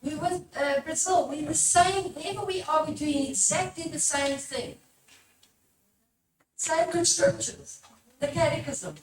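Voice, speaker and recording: At a live workshop, a woman with a high voice teaches as a religious formator, exhorting her listeners and questioning them directly. Her voice comes from afar, echoing around the room amid some background noise.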